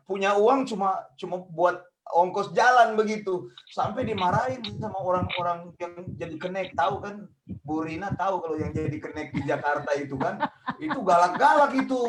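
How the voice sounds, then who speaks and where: A middle-aged man with a high voice leads a casual online Bible discussion. He tells stories and laughs often. He sounds distant from the mic in a roomy space. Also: a little hiss or hum. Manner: chatty, anecdotal, laughs often, acts out quoted people. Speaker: Bible teacher leading discussion. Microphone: video call. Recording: roomy distant video-call audio.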